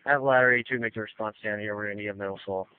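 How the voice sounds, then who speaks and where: A man's voice: fairly low pitch, fairly even intonation, very fast, clean tone, no room sound. A man speaking matter-of-factly as an incident commander in emergency two-way radio traffic, through a narrowband radio transmission.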